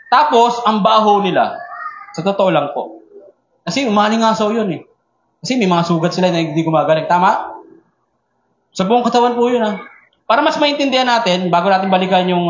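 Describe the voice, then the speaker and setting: A man preaching a sermon as pastor, animated and often asking the congregation questions. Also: high-pitched, a little hiss or hum. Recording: echoey room, dull lo-fi sound.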